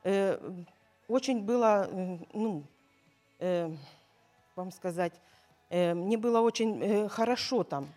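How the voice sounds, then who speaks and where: Woman from ukraine, church testimony in bits, lots of ums, middle pitch, faint music under it. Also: takes it slowly, long pauses, mellow. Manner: hesitant, many filler sounds. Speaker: church member giving a testimony. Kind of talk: halting personal testimony, paused for interpreting.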